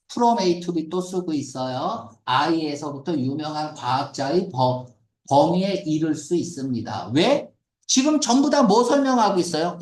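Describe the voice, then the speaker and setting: A man lectures on an English reading passage, questioning the class and mixing English words into his explanations. His voice is a little high, and the room is echoey.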